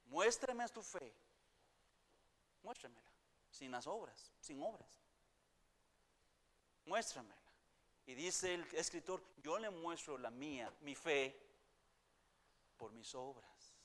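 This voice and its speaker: A man preaching a sermon to his congregation, swinging from loud declaiming to hushed tones and repeating phrases for emphasis. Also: on the high side, lively intonation, slow pace, pauses often. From Costa Rica. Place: church. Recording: church hall reverb.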